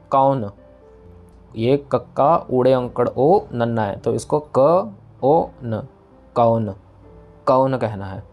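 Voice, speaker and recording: A man teaching the pronunciation of scripture verses, patiently explaining each word and chanting the lines back slowly. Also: medium pitch, highs cut off. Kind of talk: pronunciation lesson.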